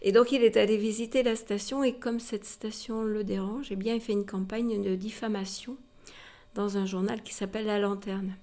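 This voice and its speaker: Speaking at a normal speed with fairly even intonation, a woman with a dark, medium-pitched voice works as a museum guide. Her talk is informal spoken history for a visitor, explanatory and addressed straight to listeners with rhetorical tags.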